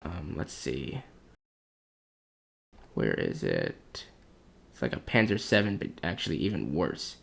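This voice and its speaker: A man's voice: a bass voice, wildly swooping pitch, slow pace, gravelly, long pauses, fairly bright tone. Blunt man ranking game tanks. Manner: blunt, opinionated, thinking aloud. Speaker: clan commander ranking tanks. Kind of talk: casual gaming commentary.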